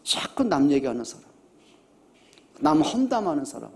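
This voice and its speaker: A man's voice: fairly high pitch, very animated, normal speed, gravelly. Earnest middle-aged male pastor preaching. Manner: earnest, conversational preaching with repeated exhortations; swings between hushed and loud emphatic delivery. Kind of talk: sermon.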